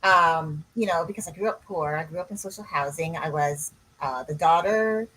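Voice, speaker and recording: A woman's voice: low voice, normal speed, fairly bright tone, a little hiss or hum, rough recording. A woman, a coach co-hosting a podcast in casual chat, rambling and drifting off on tangents. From Canada. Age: 60s.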